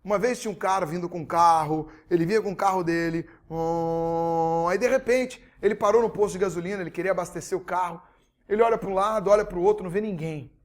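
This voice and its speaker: A man giving a motivational webinar talk as a behavioral coach, energetic and speaking straight to his audience. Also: sits high, quick pace. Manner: energetic, addresses audience directly, swings between soft and loud.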